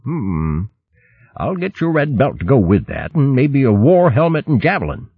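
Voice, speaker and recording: Guy doing a very old serious butler type, husky. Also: mid-range voice, very animated, moderate pace, no echo, narrow, tinny audio, pitched above the performer's own voice. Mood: grave. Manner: grave, plain-spoken. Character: ancient male servant, grave and dutiful.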